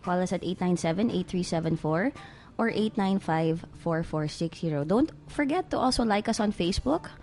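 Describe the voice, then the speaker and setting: A woman's voice: lowish voice, animated, normal speed, few pauses, darkish tone. A woman hosting a radio talk show in a studio, chatting casually and rambling with fillers and restarts.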